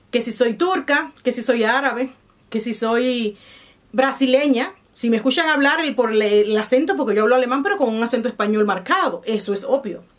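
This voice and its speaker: A woman, chatting casually to camera as a vlogger and calling her viewers "my loves". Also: a little high. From Dominican Republic. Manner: chatty, addresses viewers as "mis amores".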